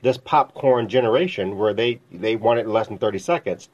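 The host, an American in his fifties, keeps a casual faith chat going with lengthy, rambling questions in a conversational tone. His pitch is fairly low, his delivery brisk and his tone darkish, and the recording sounds dull and lo-fi.

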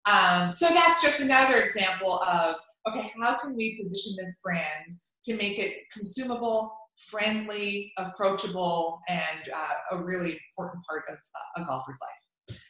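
In an echoey room, a woman answers interview questions with a mid-range voice at normal speed, her tone bright and forceful. She is a golf media executive of Cuban family background, a native Spanish speaker who talks in an upbeat, chatty manner full of fillers and restarts.

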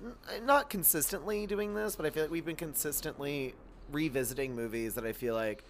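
A man in his thirties with vocal fry, slightly congested from allergies, chatting in an animated, campy, emphatic way as a comedy podcast co-host. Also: fairly high pitch, brisk, a little hiss or hum. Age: 30s. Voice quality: vocal fry, worse than usual. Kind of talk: casual comedic chat.

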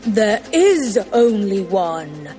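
A woman voicing a magic lamp engine spirit who speaks slowly and solemnly. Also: very animated, mellow, soft background music. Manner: slow, solemn, booming.

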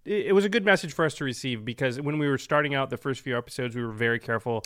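A podcast co-host with a mid-range, slightly bright voice races through explanations in a casual, conversational manner. The recording is dry and clean, with a studio sound.

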